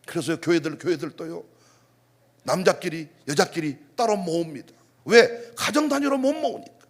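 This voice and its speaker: A middle-aged man preaching a sermon as pastor, animated, firing off rhetorical questions and sudden outbursts. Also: a little high, normal speed.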